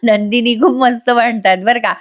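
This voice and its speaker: Woman doing a chatty serial recap, voice sits a bit high, talks right to the viewers. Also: steady tone, moderate pace. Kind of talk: casual spoken episode recap.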